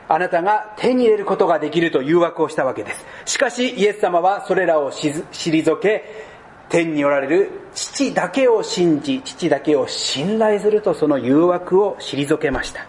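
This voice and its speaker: High-voiced man preaching a slow sermon. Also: a little hiss or hum. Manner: slow deliberate preaching, dropping to soft low tones. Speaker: pastor.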